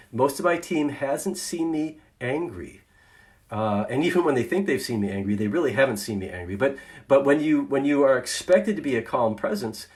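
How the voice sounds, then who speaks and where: A middle-aged man giving an informal faith-based talk on leadership as a consultant, quick at times and then slow and deliberate for emphasis. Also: mid-range voice.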